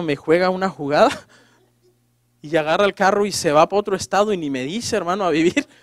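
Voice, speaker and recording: High-voiced sarcastic male preacher. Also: fairly bright tone, no echo, studio quality. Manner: acts out quoted people in changing voices. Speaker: pastor. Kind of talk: preaching a sermon to a congregation.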